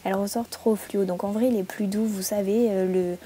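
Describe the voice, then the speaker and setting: A woman vlogger chatting casually in her bedroom while reviewing products, relaxed and chatty with frequent hesitations. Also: mid-range voice, brisk, slight background noise. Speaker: beauty vlogger.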